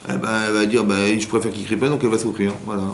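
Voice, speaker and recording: A man's voice: fairly low pitch, fairly even intonation, racing. A man giving an informal class to women as a rabbi, talking conversationally with many repetitions and restarts and acting out quoted spouses. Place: community hall class. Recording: echoey room with faint hum.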